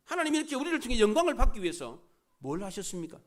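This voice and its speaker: A man's voice: very high voice, sing-song, very fast. A male pastor delivering a sermon, full of rhetorical questions and dramatic rises and drops.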